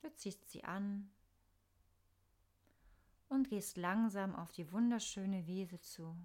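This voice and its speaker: A woman with a medium-pitched voice narrates a scripted guided meditation, speaking softly and soothingly at an unhurried pace with pauses.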